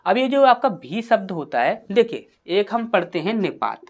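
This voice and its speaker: A woman teaching a grammar lesson for exam prep. She asks questions and answers them herself, and reads example sentences slowly and deliberately. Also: mid-range voice, big pitch swings.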